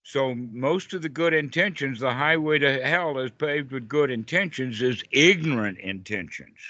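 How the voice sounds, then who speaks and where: An older man leads an informal group talk as a meditation teacher, his medium-pitched voice bright and forceful at a moderate pace. He's jovial and colloquial, often checking in with a quick question. The audio is close, dry and slightly dull, like an online call, with no room sound.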